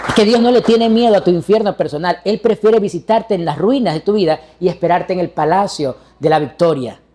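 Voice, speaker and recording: A man's voice: high-pitched, a little fast, warm tone, some chatter behind. A male pastor delivering a sermon, preaching emphatically and putting rhetorical questions to the congregation.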